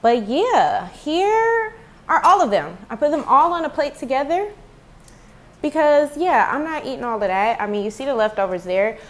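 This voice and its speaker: Recorded at home on an earbud headphone mic, a food vlogger chats casually with viewers in a review video, calling them "y'all." Her voice sits high and sounds animated, at a moderate pace.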